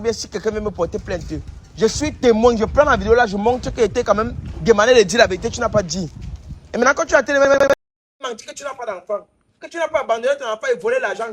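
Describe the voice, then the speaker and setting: A man's voice: very high-pitched, slight background noise. A man playing a traditional healer who scolds and accuses, repeating his lines over and over. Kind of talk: staged confrontation sketch.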